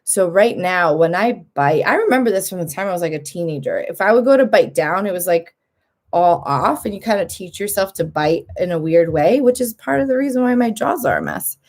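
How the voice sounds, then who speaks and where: In a casual vlog, a woman in her thirties talks candidly to the camera, chatty and laughing often, with a fairly low, lively voice and a brisk pace. She acts out what other people said, giving their lines a lifted voice.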